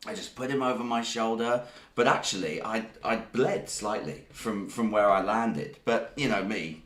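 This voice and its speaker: On his live stream, a man from Greece jokes his way through a rambling tall tale for comedic effect. His voice is on the low side with a fairly bright tone and normal speed, and the room echoes noticeably.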